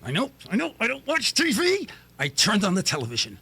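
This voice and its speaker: A man's voice: high-pitched, wildly swooping pitch, brisk, creaky, pushed and bright, breathy edge. A middle-aged man hosting a talk radio show, telling a jokey story and now and then mimicking other people's voices.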